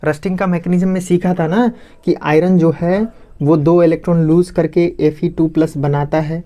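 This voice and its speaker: A man's voice: on the high side, level tone, moderate pace, warm tone. A male teacher explaining a science lesson for exam prep in a playful, teasing way, joking with his students.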